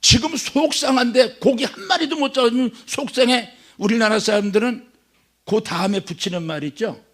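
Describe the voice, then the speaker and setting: A man's voice: very high-pitched, moderate pace. A man preaching a sermon at a church revival meeting, telling stories with jokes. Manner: joking, animated storytelling.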